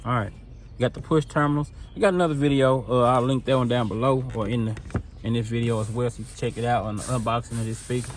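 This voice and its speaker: A man hosts a car audio product video, chatting casually and informally with viewers in a relaxed product demo. His medium-pitched voice is fairly even and quick, recorded clearly but with background noise.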